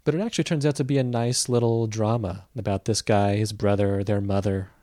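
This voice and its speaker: A man's voice: on the low side, steady tone, fairly quick, warm tone, no room sound, studio quality. A man talking casually as a film critic, thoughtful and hesitant, with many fillers and restarts. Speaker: film critic reporting from a festival. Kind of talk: casual conversational review.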